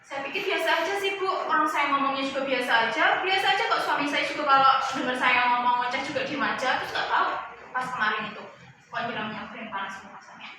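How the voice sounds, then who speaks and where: A woman's voice: high-pitched, fast talker, close to an everyday voice. A woman playing a defensive wife testifying in a mock trial, answering in casual colloquial speech. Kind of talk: amateur courtroom role-play. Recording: echoey room, distant mic, noisy.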